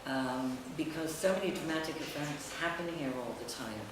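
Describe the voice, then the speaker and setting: This writer and editor, a middle-aged woman whose voice sits low, presents her own essay in a halting, reflective, semi-improvised public talk full of long pauses. It takes place in an echoey indoor room at a public event, and the distant recording is very echoey and noisy.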